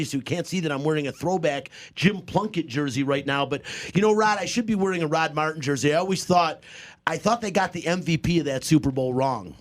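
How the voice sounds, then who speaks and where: Upbeat guy hosting sports radio, bit high-pitched, punchy and emphatic. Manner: energetic, emphatic. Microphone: studio microphone.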